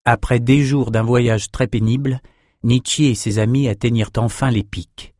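A man narrating a fantasy audiobook in an even, measured reading. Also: mid-range voice, dry recording, studio quality.

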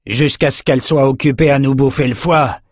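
A wry, blunt warrior, played by a male reader, sitting somewhat above the narrator's usual pitch. His remarks are dry and matter-of-fact. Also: steady tone, fairly quick, no echo, close to an everyday voice.

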